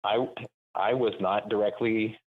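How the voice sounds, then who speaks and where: A man calling into a show, speaking thoughtfully and haltingly over a clipped phone line, pausing often to search for words. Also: fairly low pitch, steady tone, a little hiss or hum. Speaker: caller. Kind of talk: call-in conversation. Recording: narrow tinny phone line.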